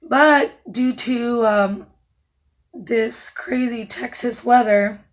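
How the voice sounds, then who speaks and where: The recording quality is low as a makeup artist draws out her words while teaching a tutorial. Her naturally raspy voice sits slightly high, sounds hoarse, and cuts in and out; she remains calm and instructive, occasionally dropping into soft asides mid-task.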